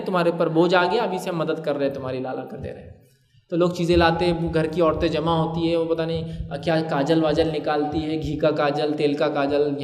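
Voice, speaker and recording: A man's voice: fairly high pitch, a little mellow. A man preaching a sermon in a conversational way, asking rhetorical questions and acting out bits of dialogue. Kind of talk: Urdu sermon lecture. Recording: echoey hall reverb.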